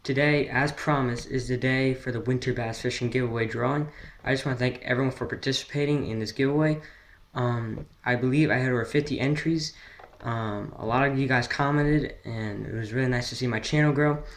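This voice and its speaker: A teenage American man with a medium-pitched voice speaks as a channel host. He announces a giveaway in a casual vlog style, chatting straight to his viewers. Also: fairly even intonation, a little fast. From New Jersey, United States. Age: teens. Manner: casual, addressing viewers as guys.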